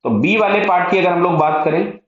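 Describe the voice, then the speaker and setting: Speaking fairly quickly in a high-pitched voice, an Indian-accented man walks through a physics problem aloud as a step-by-step lesson. He mixes English technical terms into Hindi, asking brief check questions and answering them himself. The audio is muffled and dull, with heavy room echo.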